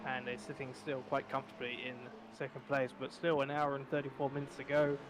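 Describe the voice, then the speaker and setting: A man's voice: medium pitch, monotone, fairly quick, noisy background. A man giving live commentary on an online endurance race, rambling and correcting himself as he talks. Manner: rambling, self-correcting, chatty. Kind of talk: live sim racing commentary.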